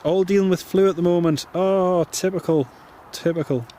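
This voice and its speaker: A man with a Northumbrian accent close to Geordie, chatting casually and warmly to viewers as a live planespotting streamer, often repeating his phrases. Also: sits high, steady tone, moderate pace, a little hiss or hum. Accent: Northumbrian, near Geordie. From North East England. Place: outdoors by an airport runway.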